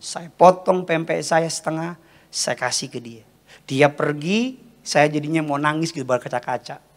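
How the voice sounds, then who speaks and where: A male pastor preaching a sermon at a church service, animated and joking, calling on the congregation to respond. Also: fairly high pitch, normal speed.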